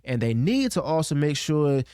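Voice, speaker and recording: Loose and unscripted, with restarts, this man hosts online commentary, pressing his opinions emphatically and capping points with "okay?" and "now." His fairly high voice is very animated, warm and smooth at a normal speed. The recording is clean studio quality with no echo.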